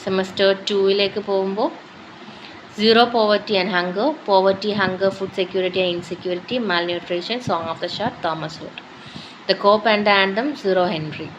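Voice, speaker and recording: A woman's voice: medium pitch, steady tone, drawn-out words, lo-fi sound, a little hiss or hum. A woman with a Malayali accent reading out a course syllabus as a list of topics, in short phrases that switch between English and Malayalam. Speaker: teacher going through a syllabus.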